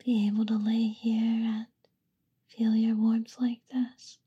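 A woman's voice: a little high, completely flat delivery, slow, dark tone, slightly rough, highs cut off. A young woman whispering an affectionate, soothing ASMR roleplay. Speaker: ASMR performer.

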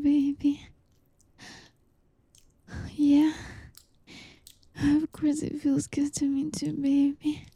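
A young woman in an intimate whispered roleplay, softly teasing and coaxing with a breathy voice, close to the mic. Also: high-pitched, dry recording. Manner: teasing, coaxing, soft-spoken. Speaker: audio roleplay performer.

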